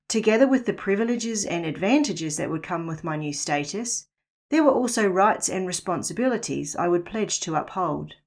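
A middle-aged woman with a New Zealand accent reads a scripted devotional for her podcast. Her voice sits on the low side, and her delivery is measured and earnest, slowing to let important lines land.

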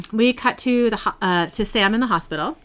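A woman's voice: fairly high pitch, moderate pace. A woman hosting a podcast, casually recapping a TV episode in a chatty, giggly storytelling way.

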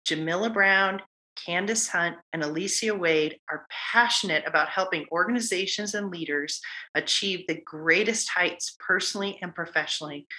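A woman's voice: fairly low pitch, bright, forceful tone, low-quality recording. A woman hosting a podcast, introducing her guests in an enthusiastic, emphatic way. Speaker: podcast host.

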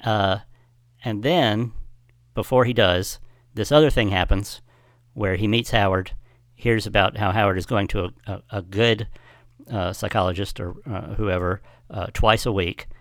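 A man co-hosting a casual television recap podcast, explaining slowly and hesitantly with many pauses and fillers. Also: lowish voice, no room sound, studio quality. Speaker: podcast co-host.

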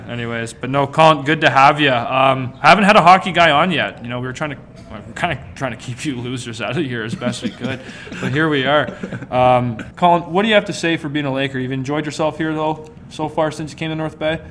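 A man's voice: mid-range voice, fast, pushed and bright, slight background noise. A man in his twenties hosting a casual podcast in a jokey, teasing way. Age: 20s. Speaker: podcast host.

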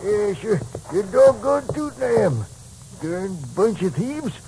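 An actor playing a cantankerous old American prospector with a raspy voice and folksy mild cussing, in old-time radio western style. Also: male voice, high-pitched, very animated, measured pace, heavy background noise, heavily acted. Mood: grumbling, indignant. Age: older.

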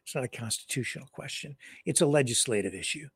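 A man's voice: mid-range voice, animated, quick pace, breathy edge, no room sound. A man hosting an online news show, talking casually and sardonically to his viewers. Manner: chatty, sardonic, asides to viewers. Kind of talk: casual opinion commentary.

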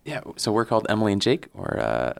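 A man's voice: fairly low pitch, huge pitch swings, fast talker, creaky. A man speaking casually and a little hesitantly as a musician guest in a radio interview.

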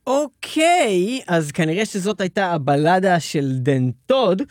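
A man's voice: sits high, animated, dry recording, studio quality. A man hosting a radio request show, bantering playfully and teasing with repeated words.

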